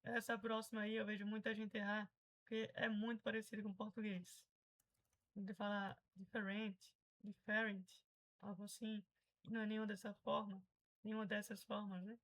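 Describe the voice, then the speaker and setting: A woman's voice: medium pitch, little pitch movement, fairly quick, rough recording. A Brazilian woman teaching English pronunciation in a casual, chatty way, patiently explaining and repeating example words.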